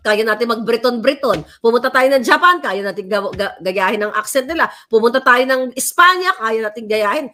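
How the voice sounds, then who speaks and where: Impassioned Filipino woman, fairly high voice. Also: pushed and bright. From Philippines. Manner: rambling, mixes English and Tagalog; impassioned, emphatic. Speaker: vlogger. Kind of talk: casual political commentary.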